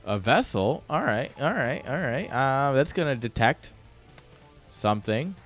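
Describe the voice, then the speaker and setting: A man's voice: medium pitch, very animated, unhurried, fairly bright tone, soft background music. A man giving casual esports commentary with joking, sarcastic asides.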